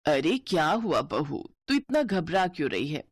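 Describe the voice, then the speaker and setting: A woman doing a kindly mother-in-law, soft and low. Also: very animated, unhurried, slightly rough, dry recording, studio quality, full character voice. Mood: soothing. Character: gentle loving middle-aged mother-in-law. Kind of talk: cartoon story voice acting.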